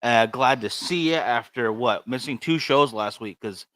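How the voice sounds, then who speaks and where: A man's voice: mid-range voice, moderate pace, fairly bright tone, no room sound. A man co-hosting a livestream in casual chat, with dry, teasing grumbles. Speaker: co-host of a cigar show.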